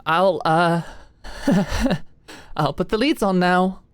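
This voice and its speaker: An actress voices a sweet, easily flustered young female medical student in an intimate ASMR roleplay, sounding nervous and stammering with halting, hesitant delivery. Her register is low, and the close-miked sound is very dry with no echo.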